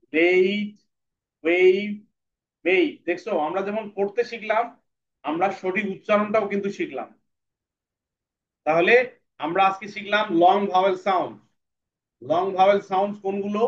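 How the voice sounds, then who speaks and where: A man with a fairly high voice teaches a phonics lesson, sounding out each vowel slowly and asking the students whether they follow. The recording is dull and lo-fi, with a faint hiss of noise behind him. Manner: repeats sounds slowly and checks understanding. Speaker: English teacher.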